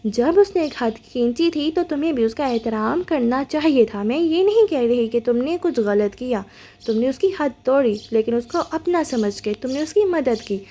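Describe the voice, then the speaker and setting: A woman voicing a composed woman therapist in a storybook reading, measured and firm as she reasons. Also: sits high, animated, dark tone.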